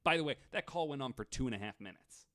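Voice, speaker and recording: A podcast host tells stories casually among friends, acting out both sides of retold conversations and swearing now and then. His medium-pitched voice is expressive, fast, pushed and bright, captured in clean studio sound with no room noise.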